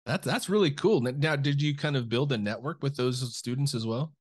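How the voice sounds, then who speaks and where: Speaking at a brisk clip in a husky, medium-pitched voice, this middle-aged podcast host interviews a guest by video call from his home. He's cheerful and warm, and his questions wander loosely. The audio comes through a studio mic with a headset.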